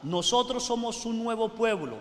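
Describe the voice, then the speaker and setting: Male priest, sermon storyteller, high voice, echoey hall with a long tail. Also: expressive, normal speed. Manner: storytelling, keeps checking in with the audience. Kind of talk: sermon at a retreat. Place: large hall at a retreat. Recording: echoey hall, faint noise.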